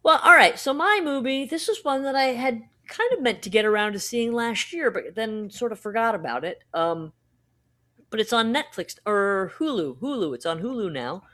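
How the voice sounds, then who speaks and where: A woman co-hosting a podcast in casual chat, wry and quick to laugh, swearing offhandedly. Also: fairly high pitch, lively intonation, bright, forceful tone. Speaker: podcast co-host.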